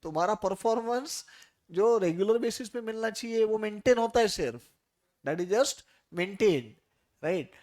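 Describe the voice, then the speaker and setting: A man's voice: high voice, expressive, unhurried, a little mellow. A man teaches accounting to a class. He keeps firing rhetorical questions at his students to push them to think. English phrases run all through his explanations, the way a classroom teacher talks. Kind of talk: classroom lecture.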